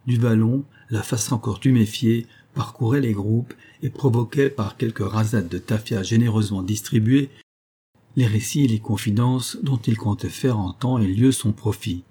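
A man narrating a novel in a steady, measured reading. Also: lowish voice, breathy edge. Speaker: audiobook reader.

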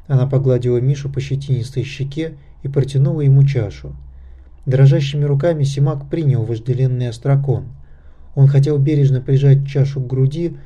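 A man narrating an audiobook of a fantasy mystery in a measured, steady reading. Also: mid-range voice, highs cut off. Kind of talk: scripted narration.

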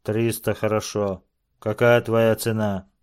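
A man's voice: on the low side, little pitch movement, takes it slowly, smooth. Man reading a cool, curt chief. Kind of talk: audiobook character voice.

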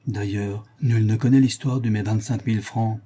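A man voicing a middle-aged politician who speaks gruffly and impatiently. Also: fairly low pitch, steady tone, normal speed, mellow. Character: middle-aged male politician, smug, irritable.

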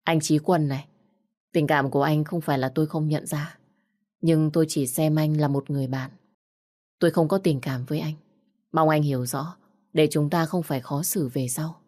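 A woman's voice: low voice, fairly even intonation, moderate pace, darkish tone. A woman reading the lines of a young mother who rebuffs a suitor firmly and fusses anxiously over her son. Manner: firm, then anxious toward her child. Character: young mother, firm and protective.

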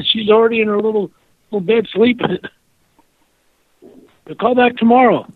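High-voiced man on a tinny phone line. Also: brisk, husky, no room sound. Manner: polite, patient, slightly hesitant. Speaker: prank call recipient.

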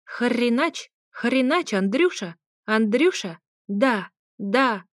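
Lady putting on a squawky cheeky parrot, high and loud, keeps yelling the same bits over and over, dry close sound. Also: animated, takes it slowly, no room sound. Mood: squawking. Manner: shrill repeated shouting. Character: loud rude male parrot squawking phrases.

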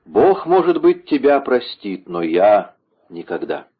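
A man's voice: fairly low pitch, animated, unhurried, breathy edge. A man voicing a vengeful young man disguised as a monk, stern and demanding. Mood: merciless. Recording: dull lo-fi recording.

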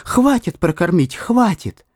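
A man's voice: high voice, sing-song, unhurried, no echo, studio quality, pitched above the performer's own voice, heavily acted. A man voicing a desperate middle-aged peasant father who pleads and cries out to a doctor. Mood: frantic pleading. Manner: pleading, shouting, sobbing.

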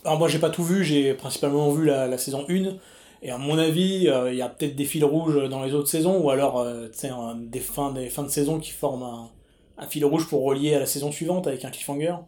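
Halting man in a roomy space. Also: a little high, warm tone. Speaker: podcast co-host. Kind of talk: casual film chat.

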